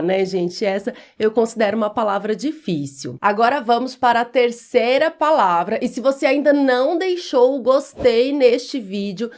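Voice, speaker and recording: A woman teaching Portuguese pronunciation in a video lesson, speaking clearly and quizzing the viewer. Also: fairly high pitch.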